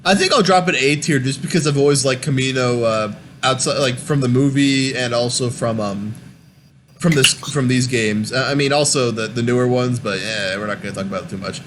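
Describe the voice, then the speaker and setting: A man's voice: medium pitch, a little fast, crowd noise. A young man in casual gaming chat, rambling with many fillers and restarts. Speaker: podcast host.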